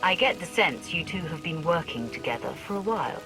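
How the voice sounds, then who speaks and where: A woman playing a cool, commanding dark warrior in a video game, formal and controlled. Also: on the low side, lively intonation, fairly quick, natural voice, rough recording. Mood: cool, curious. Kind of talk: scripted game dialogue. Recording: music behind the voice.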